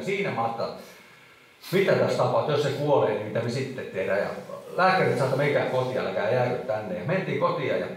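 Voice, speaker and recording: Man giving a halting testimony in an echoey hall. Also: mid-range voice, recorded from a distance. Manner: halting, emotional storytelling with many fillers. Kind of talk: testimony sermon.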